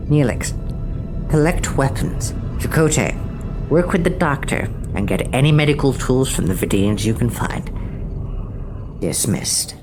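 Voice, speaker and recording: A man playing a resolute female starship captain in a science fiction audio drama, speaking in a measured, authoritative way with deliberate pauses. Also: lively intonation, music in the background, close to an everyday voice. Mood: firm, commanding. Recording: clear background ship rumble and noise.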